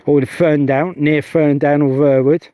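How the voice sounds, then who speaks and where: This middle-aged UFO investigator vlogs live from a heath, his fairly high voice dark in tone, flat in delivery, and measured in pace. He talks in a chatty, meandering way, constantly cutting himself off and starting again, and the recording is dry.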